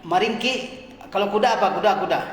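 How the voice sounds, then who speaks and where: Man, teacher, classroom lesson, patient word-by-word explaining, high voice, roomy reverb. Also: brisk, crowd noise. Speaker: Arabic teacher. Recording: echoey room with long reverb.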